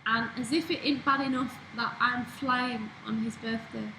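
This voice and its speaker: Young woman, slightly high voice, casual teasing asides, echoey room with audible background noise. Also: steady tone, moderate pace. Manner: offhand, teasing interjections. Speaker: flight attendant, partner reading questions. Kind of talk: casual chat.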